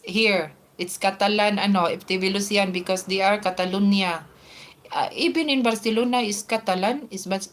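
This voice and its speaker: Filipina woman chatting on a live stream. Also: mid-range voice. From Philippines. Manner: chatty, reads names and questions aloud, many "ano" fillers. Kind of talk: live chat, reading out viewer comments. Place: outdoors in Spain near the sea.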